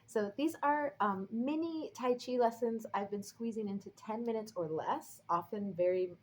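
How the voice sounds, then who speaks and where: A woman's voice: fairly high pitch, moderate pace, darkish tone, a little hiss or hum, rough recording. A woman whose first language is English, teaching a casual lesson in a chatty, upbeat way and singing out example tones. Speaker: language and tai chi teacher.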